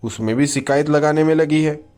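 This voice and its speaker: A man's voice: a little high, normal speed, a little mellow, lightly acted. A man voicing a teasing older brother in a spoken horror story.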